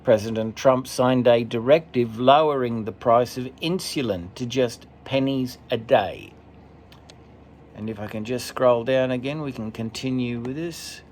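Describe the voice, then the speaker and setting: A man commentating as he reads a list off a screen, steady, with occasional stumbles and asides. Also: medium pitch, unhurried, a little hiss or hum. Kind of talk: reading from a screen, casual commentary.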